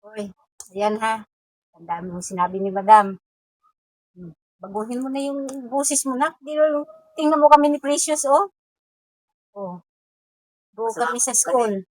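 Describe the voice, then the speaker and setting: A woman's voice: on the high side, measured pace, pauses often, no echo, low-quality recording. A woman, mother of a sponsored student, giving chatty thanks to the sponsors. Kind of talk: casual thank-you.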